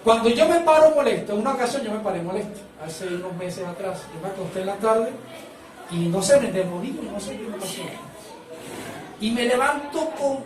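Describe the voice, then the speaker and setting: A man's voice: sits high, roomy sound, far from the mic, background noise. A man preaching a sermon as pastor, prompting the congregation to repeat phrases back to him.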